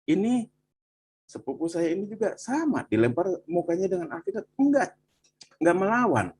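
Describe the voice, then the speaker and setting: A man from Bandung, telling his personal testimony in animated conversation and often addressing the listener as "Pak". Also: high voice, normal speed, husky. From Bandung, Indonesia. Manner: animated storytelling, frequent "Pak" and "gitu".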